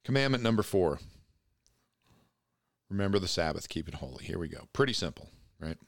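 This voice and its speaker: A man's voice: low voice, big pitch swings, fairly quick, no room sound, studio quality. A pastor preaching a sermon, reading scripture aloud and explaining it plainly and earnestly to his congregation.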